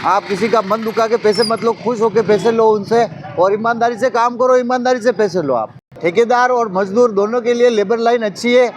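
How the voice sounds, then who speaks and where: A man's voice: sits high, brisk, slight background noise. A man earnestly giving advice to workers. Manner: earnest, appealing.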